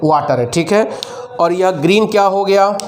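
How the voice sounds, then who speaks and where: A male chemistry teacher giving a lecture, speaking loudly and quizzing students with repeated questions while dictating terms slowly. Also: high voice. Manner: speaks loudly over nearby noise. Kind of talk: classroom lecture.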